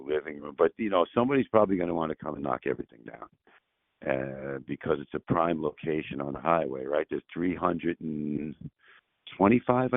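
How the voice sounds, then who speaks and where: A property owner in his sixties talks casually on a phone call in a bass voice, rambling, restarting his sentences and laughing easily. The recording is dry and the phone line tinny.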